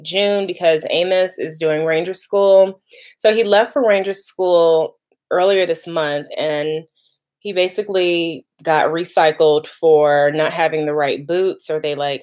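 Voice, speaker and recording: A vlogger in her 30s speaks in a fairly low, darkish-toned voice during a live stream, casually chatting and reading viewer comments aloud. She's talkative, laughs easily, and leans heavily on "like" and "y'all."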